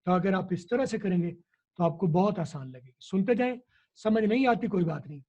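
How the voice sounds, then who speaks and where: A man's voice: high voice, lively intonation, a little fast, warm tone. A man, an English teacher explaining in an interview, teacherly and repeating key words to drill them. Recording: dull lo-fi recording.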